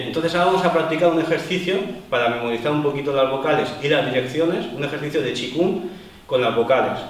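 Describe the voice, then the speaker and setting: Man, martial arts instructor, halting explanatory lecture, very echoey room, mic far off. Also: medium pitch. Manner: explanatory, restarts mid-phrase, many filler "eh"s. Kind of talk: online seminar lecture.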